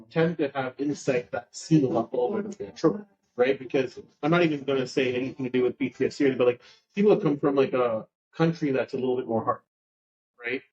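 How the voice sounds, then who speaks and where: A man's voice: mid-range voice, a little mellow. Rambling male podcast host, dull lo-fi sound. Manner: rambling, full of fillers. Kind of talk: casual podcast conversation.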